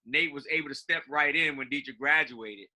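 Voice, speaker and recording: A man with a very bright, slightly high voice talks through picks in a relaxed, chatty way. He is a basketball coach co-hosting the show, laughs easily and often restarts his phrases. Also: moderate pace. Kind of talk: casual chat.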